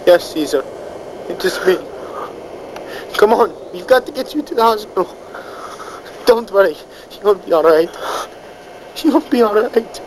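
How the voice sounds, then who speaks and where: A woman acts a devoted male prisoner in a drama. The voice is slow, tender and pleading, with lively pitch movement, on slightly noisy sound. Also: lightly acted. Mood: reassuring. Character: devoted male prisoner comforting a dying friend. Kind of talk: dramatic acting.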